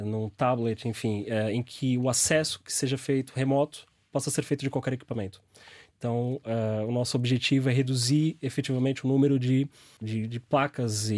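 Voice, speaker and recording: A young startup founder with a Brazilian Portuguese accent fields interview questions about his company, hunting for words and often restarting sentences, with lots of fillers. His voice sits at a middling pitch for a man and sounds a little mellow. The recording is close and dry, with no echo.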